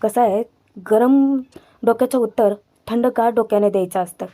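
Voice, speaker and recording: A woman voicing a protective young man who speaks firmly and calmly, within a TV serial recap. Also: a little high, moderate pace, natural voice. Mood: soothing. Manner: firm, calming.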